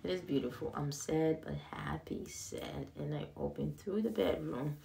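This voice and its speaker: Woman, young adult, low pitch, vocal fry, excited, rambling, phone-camera house tour in empty rooms. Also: normal speed, a little hiss or hum. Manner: excited, rambling, repeats words. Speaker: vlogger giving a house tour. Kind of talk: casual home tour narration. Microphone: handheld phone camera, filming.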